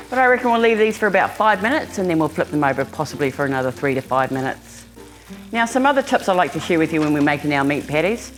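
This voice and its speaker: A woman with a New Zealand accent and a slightly low voice walks through a home cooking demonstration. She is chatty and informal, addressing viewers like family, with music playing underneath. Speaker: home cooking show host.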